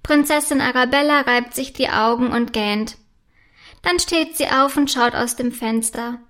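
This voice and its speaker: Gentle woman reading a children's story. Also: sits high, measured pace. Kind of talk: scripted children's story narration.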